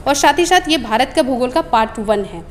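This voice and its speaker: A woman's voice: high voice, expressive, brisk, a little hiss or hum. A woman from a coaching institute walking through study notes one booklet at a time, repeating phrases with frequent hesitations. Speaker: coaching institute staff member. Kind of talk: explaining and listing study material.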